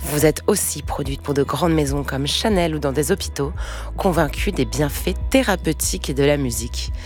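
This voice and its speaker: A woman hosting a radio talk show, introducing guests in a measured, formal way. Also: sits low, darkish tone, faint music behind. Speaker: radio host.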